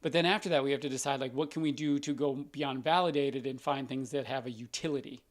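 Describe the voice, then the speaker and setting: On a live Q&A stream, a male doctor with a scratchy, medium-pitched voice answers questions at a quick pace and with fairly even intonation. His explanations stay loose and conversational, packed with examples from everyday life.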